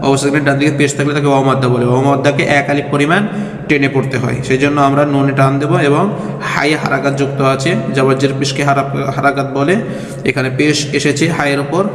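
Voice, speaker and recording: Man, Quran reading teacher, slow chanted letter drills, steady narrow pitch, echoey room with long reverb. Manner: slow sing-song chanting of letter sounds. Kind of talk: chanted spelling drill with explanations.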